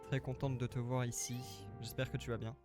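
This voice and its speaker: A man's voice: medium pitch, level tone, a little fast. A man streaming a video game live, chatting casually and rambling, a little tired. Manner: chatty, rambling, repeats himself. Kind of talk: casual live let's-play commentary. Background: faint game music.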